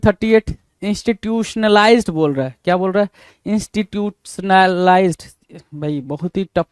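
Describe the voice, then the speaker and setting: Man, exam spelling teacher, repetitive rhetorical questions, high pitch, dry close sound. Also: a little mellow, clear, resonant tone, no room sound. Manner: repetitive, rhetorical questions, calls students "bhai". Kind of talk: exam prep lesson, spelling out words letter by letter.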